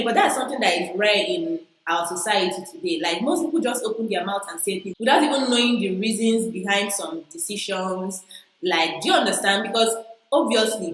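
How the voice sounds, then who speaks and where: A woman with a strong Igbo Nigerian accent chats playfully to camera as a vlogger, repeating herself for emphasis. Her voice is fairly low and fairly bright, in a reverberant, low-quality recording.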